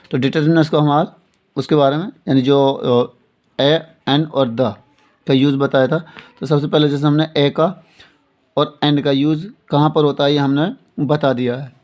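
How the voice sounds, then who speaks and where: A man teaching English grammar in Hindi, explaining slowly, repeating his points and often checking that students follow. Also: on the high side, fairly even intonation, darkish tone. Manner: slow and repetitive, often asking "theek hai na". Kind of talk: classroom-style lesson explaining in Hindi with English examples.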